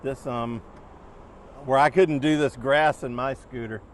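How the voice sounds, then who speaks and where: A man's voice: medium pitch, fairly even intonation, measured pace. A man talking casually and plainly as a customer trying out a scooter, with a folksy manner. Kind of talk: casual chat. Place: outdoors. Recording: outdoor ambient noise.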